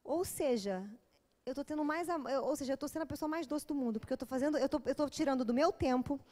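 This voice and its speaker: A Brazilian woman lecturer who talks quickly, in a high and bright voice. She tells frank, animated stories and acts out bits of dialogue as she goes. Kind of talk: lecture with lively anecdotes.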